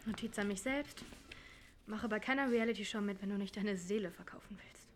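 A woman voicing a calm production staffer who talks in a quiet, soothing, steady way. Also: medium pitch, fairly quick, slight background noise, close to an everyday voice.

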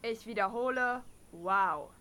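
A woman voicing a dry, deadpan young woman contestant. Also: a little high, takes it slowly, a little hiss or hum.

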